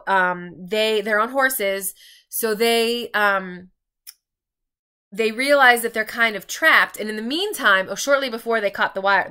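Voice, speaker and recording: Bright, clear-voiced woman chatting through a story. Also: mid-range voice. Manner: informal, rambling, backtracking. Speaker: book reviewer vlogger. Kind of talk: casual chatty story recap while getting ready.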